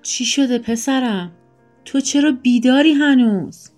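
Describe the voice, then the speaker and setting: An anxious, motherly middle-aged doctor, played by a woman, pleads in a radio-play scene. Her voice sits fairly high and sounds a little distant. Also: sing-song, darkish tone, soft background music. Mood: worried.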